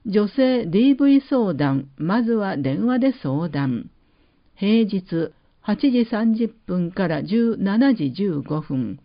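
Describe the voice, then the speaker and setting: A woman announcer reading public-service notices, with slow, measured, carefully enunciated list reading. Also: medium pitch. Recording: dull lo-fi recording.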